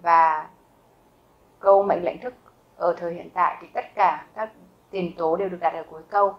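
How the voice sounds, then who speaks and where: A Vietnamese woman teaching a German grammar lesson, explaining step by step, asking her learners questions and saying example sentences slowly twice. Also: lowish voice, steady tone, highs cut off. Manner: asks learners rhetorical questions.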